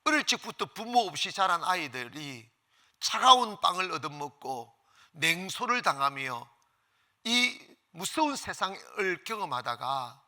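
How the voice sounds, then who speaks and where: Fervent, bright-voiced Korean preacher. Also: male voice, high-pitched, sing-song, measured pace. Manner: fervent preaching, leads congregation in call-and-response. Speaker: pastor. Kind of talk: Sunday sermon.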